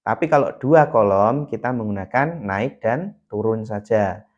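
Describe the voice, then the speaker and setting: A man's voice: lowish voice, animated, unhurried, dull audio. A man teaching beginners to read the Quran on a live stream, patient and repeating key points, at times chanting syllables in a melody.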